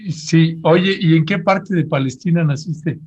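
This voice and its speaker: A man hosting a live interview broadcast, talking in a relaxed, conversational way with small restarts. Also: a little high, measured pace, breathy edge, lo-fi sound. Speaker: host.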